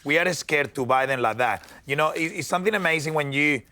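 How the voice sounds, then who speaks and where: A man, a TV chef, giving a lively cooking demonstration and talking through each step. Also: a little high, quick pace. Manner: upbeat, animated, talks through each step. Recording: music playing behind.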